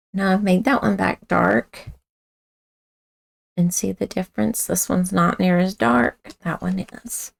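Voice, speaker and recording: Raspy woman demoing a craft, slow. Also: medium pitch, no room sound. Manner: chatty, talks while working with hands, self-correcting. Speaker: craft instructor. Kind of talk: casual craft tutorial.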